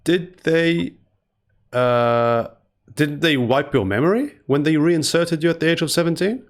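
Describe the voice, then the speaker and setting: A man's voice: on the high side, measured pace. A man in his forties interviewing a guest over a video call, asking probing follow-up questions. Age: 40s. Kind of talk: remote interview.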